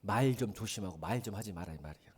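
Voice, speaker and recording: A middle-aged man preaching a sermon as pastor, asking the congregation questions and swinging from soft asides to loud emphatic lines. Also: fairly low pitch, fast, slightly rough. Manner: animated, questions the congregation and answers himself.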